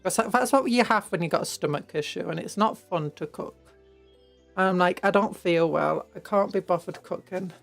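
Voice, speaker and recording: A young British woman streams herself painting miniatures, chatting casually and rambling playfully, stumbling over restarts and now and then breaking into squeals. Her lowish voice, croaky from hay fever, moves at normal speed. Faint music plays behind her.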